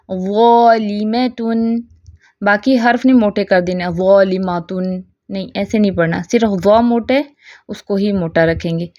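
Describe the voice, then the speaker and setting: A woman teaching a recitation lesson, slowly drawing out example words syllable by syllable. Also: fairly high pitch, lo-fi sound. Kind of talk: online tajweed lesson.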